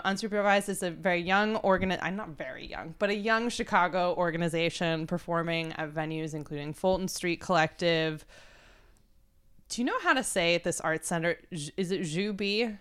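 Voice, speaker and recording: A woman's voice: lowish voice, moderate pace, fairly bright tone, clean tone. A woman hosting a casual interview. She is chatty and pokes fun at herself, with hesitant fillers. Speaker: podcast host.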